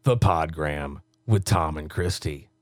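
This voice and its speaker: A man recording radio station promos in a deep announcer read, joking and laughing between takes. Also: takes it slowly, dry recording. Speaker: radio voice-over talent recording station liners.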